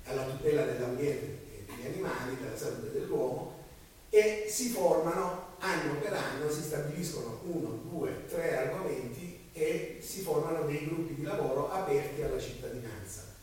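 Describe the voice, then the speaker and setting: A man hoarse with a cold, speaking haltingly as a committee spokesman explaining things at a public meeting. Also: fairly high pitch, lively intonation, darkish tone. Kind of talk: semi-improvised public meeting speech. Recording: very echoey room, distant mic, faint hiss.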